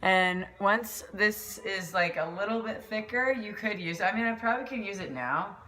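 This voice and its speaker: A woman's voice: mid-range voice, expressive, moderate pace, sharp tone, distant mic. A woman coach chatting casually in a vlog, rambling and laughing easily, with a mild concussion. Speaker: volleyball coach vlogger. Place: at home, kitchen pantry. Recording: echoey room, off-mic.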